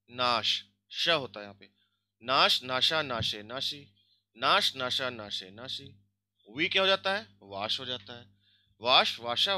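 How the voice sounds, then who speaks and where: A man's voice: fairly high pitch, bright, forceful tone, dry recording. A man teaching an online grammar lesson, mixing Hindi with English and drilling word forms aloud, asking questions and answering them himself. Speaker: language teacher.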